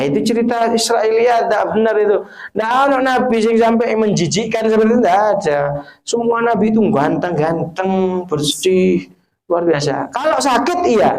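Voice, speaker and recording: A high-pitched man with an East Javanese accent delivers a sermon to a live audience. He recites Arabic verses, slips into Javanese, and keeps throwing questions at his listeners. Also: darkish tone, poor audio. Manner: mixes Javanese phrases and Arabic quotations, asks the audience rhetorical questions. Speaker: preacher.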